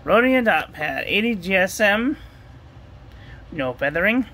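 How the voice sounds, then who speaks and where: Bright-voiced woman reviewing inks. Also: medium pitch, unhurried, a little hiss or hum, low-quality recording. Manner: steady, repetitive checklist delivery; enthusiastic over ink colors. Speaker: ink and paper reviewer. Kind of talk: casual product review voice-over.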